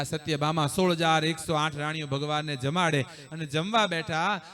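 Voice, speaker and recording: Brief: male preacher, high bright voice, emphatic sermon delivery to a crowd. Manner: emphatic, addresses audience directly. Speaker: religious preacher. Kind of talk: devotional sermon. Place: live religious gathering.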